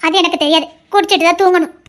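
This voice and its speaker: A woman's voice: extremely high pitch, fairly even intonation, rapid-fire, a bit bright. A woman voicing a stubborn, loving young wife in an audio drama, talking earnestly and insistently. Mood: devoted, pleading.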